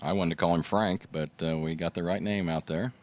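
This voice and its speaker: A man doing relaxed, joking play-by-play commentary for a local high school baseball game, as a regular announcer. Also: brisk. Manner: relaxed, joking, gets loud and excited on the home run.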